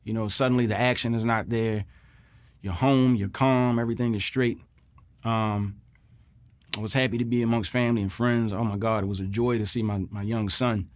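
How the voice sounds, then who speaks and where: Man, middle-aged, slightly deep voice, military veteran, interview recollection, earnest, reflective, repeats for emphasis. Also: fairly even intonation, normal speed. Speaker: Marine combat veteran interviewee.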